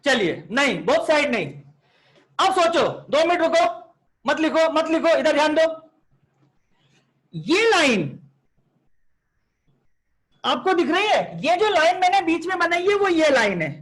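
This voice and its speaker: A man's very high, thin voice leads an online chemistry lesson. He talks in a chatty, coaxing way, scolding students by name and dropping English terms into his explanations. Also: big pitch swings, measured pace, pauses often, a bit bright. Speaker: chemistry teacher. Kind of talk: online class lecture.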